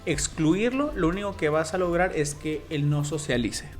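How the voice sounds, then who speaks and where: A man's voice: on the high side, animated, moderate pace, soft background music. A man with a Mexican Spanish accent, a sign language interpreter guest, explaining patiently with examples in casual interview talk.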